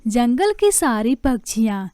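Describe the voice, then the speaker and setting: A woman's voice: on the high side, big pitch swings, measured pace, dark tone, dry recording, studio quality. A woman narrating a cartoon story in a plain, explanatory manner.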